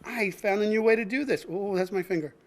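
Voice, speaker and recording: Sitting high and moving fairly quickly, this man's voice leads a cooking show for kids. He jokes around, laughs often, and calls the child he's teaching "buddy" in their playful exchange.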